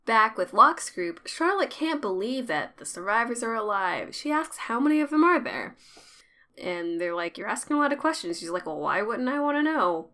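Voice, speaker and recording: A woman co-hosting a podcast, casually recapping an episode with wry asides and quick quoted lines. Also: fairly high pitch, big pitch swings, sharp tone. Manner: chatty, wry, quotes characters in quick voices. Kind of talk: casual chat and recap narration.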